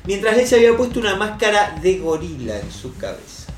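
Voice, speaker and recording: Hombre rioplatense, charla burlona y malhablada. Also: male voice, sits high, big pitch swings, brisk. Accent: Rioplatense Spanish. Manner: crude, swearing, mock-outraged banter. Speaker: co-host. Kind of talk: casual comedic chat. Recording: roomy, faint music behind.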